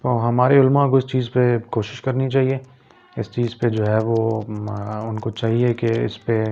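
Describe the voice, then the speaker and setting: Man, host of his own channel, middle pitch with a gravelly edge, measured religious talk full of pauses, dull lo-fi sound. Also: flat delivery, a little mellow. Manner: measured, with many pauses and hesitations. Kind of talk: explanatory religious talk to camera.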